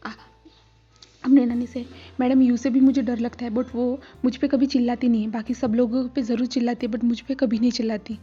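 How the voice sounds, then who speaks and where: A woman's voice: fairly high pitch, little pitch movement, brisk, husky. A woman voicing a clingy young man who protests and pleads to stay by his uncle's side. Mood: upset, pleading. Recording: slightly dull with soft music.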